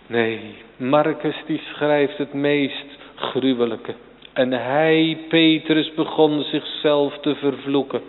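A man preaching a sermon to a congregation and children, emphatic and swinging from quiet passages to sudden loud peaks. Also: mid-range voice, fairly even intonation, takes it slowly. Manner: addresses congregation and children directly. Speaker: pastor. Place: church. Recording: tinny phone-like sound, long church reverb.

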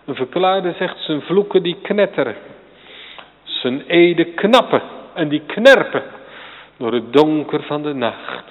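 A man preaching a sermon to a congregation and children, emphatic and swinging from quiet passages to sudden loud peaks. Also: fairly high pitch, expressive, a little slow. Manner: addresses congregation and children directly. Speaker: pastor. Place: church. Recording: tinny phone-like sound, long church reverb.

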